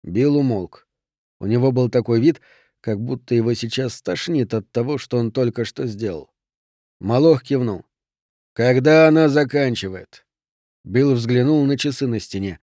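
Man reading an audiobook in a mellow tone. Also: medium pitch, normal speed, dry recording, studio quality. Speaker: audiobook narrator. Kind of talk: audiobook narration.

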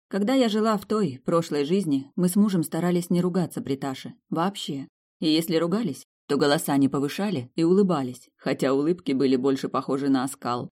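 Female audiobook narrator; sardonic, lively first-person storytelling. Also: deep voice. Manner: sharp, sardonic storytelling with lively acted asides.

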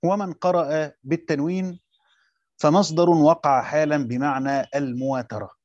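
A man with an Egyptian Arabic accent teaching a classroom lesson, quizzing his students and repeating his points slowly. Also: on the high side, fairly even intonation, a little mellow, no echo, dull audio. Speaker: teacher of Quran commentary.

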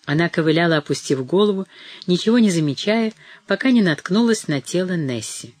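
A reader narrating a dramatic novel in a measured, storytelling manner. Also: mid-range voice, expressive, no room sound. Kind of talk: audiobook narration.

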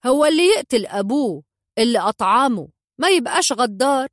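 A woman's voice: medium pitch, animated, fairly quick, no echo, clean studio sound, close to an everyday voice. A woman voicing a curt, irritable male gang boss with an Egyptian accent in a storybook. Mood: domineering. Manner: curt, bossy, coarse.

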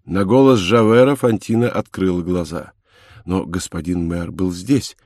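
A man narrating a classic novel in a measured, grave storytelling manner. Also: deep voice, steady tone, darkish tone, dry recording, studio quality. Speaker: audiobook narrator. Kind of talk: dramatic literary narration.

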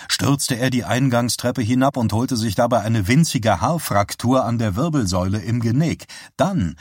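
A man's voice: mid-range voice, slightly rough, dry recording. A cheeky young guy spinning tall tales with a straight face, read by a man, dry close sound. he teases with playful mock seriousness and lifts his voice a little above plain talk. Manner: teasing, deadpan mock-serious.

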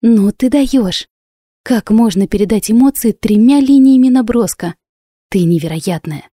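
A woman doing an excitable young woman friend. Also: moderate pace, no echo, studio quality, lightly acted. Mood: excited. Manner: bright, exclaiming, raised pitch. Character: lively, enthusiastic young woman artist friend. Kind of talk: audiobook character voice.

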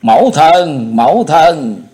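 A man's voice: mid-range voice, normal speed, a little mellow, pitched above the performer's own voice, close to an everyday voice. A man voicing a frightened little girl in an audiobook story, pleading through tears. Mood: crying. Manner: crying, pleading.

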